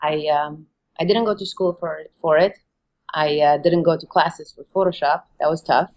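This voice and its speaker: A woman in her forties, originally from Romania, speaking as a guest in a podcast interview, relaxed and laughing often between her thoughts. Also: deep voice, normal speed, muffled recording. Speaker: guest photographer.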